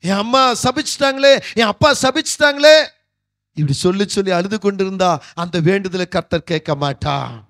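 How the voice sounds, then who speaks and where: A middle-aged man preaches, his voice pitched very high and swelling with fervour as he prays. The sound is close and dry, with no room around it. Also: a little fast, no echo. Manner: fervent, climbing loud when praying. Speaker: pastor. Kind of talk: sermon.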